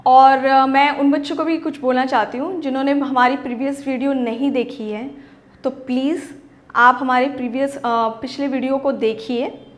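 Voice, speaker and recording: A woman with a high voice teaches young children an online language lesson. She is patient, stretches out practice words slowly and keeps checking in with a lifted question. The room around her has a clear echo. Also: fairly bright tone. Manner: patient, repeats "ठीक है?" with a rising lift; slow, drawn-out word drills. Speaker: primary school Hindi teacher. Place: home or classroom recording for online class. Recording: roomy echo.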